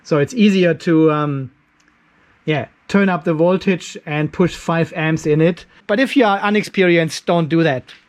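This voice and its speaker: A channel host with a slightly high, slightly slow voice runs a hands-on demo in a cluttered garage workshop, filmed close on a handheld camera. He explains each step as he works, thinking aloud.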